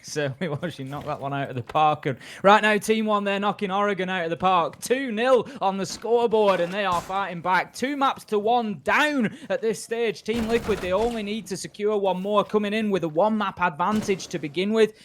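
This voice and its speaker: A man with a high-pitched voice gives analytical esports commentary. He explains the play with emphatic phrasing, as a caster does. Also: fairly quick, few pauses, a bit bright, a little hiss or hum.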